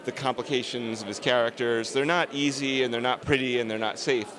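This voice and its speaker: A man's voice: mid-range voice, fairly even intonation, a little fast, a crowd in the background. A man, a film director, answering interview questions on a red carpet in an earnest, emphatic, discursive way.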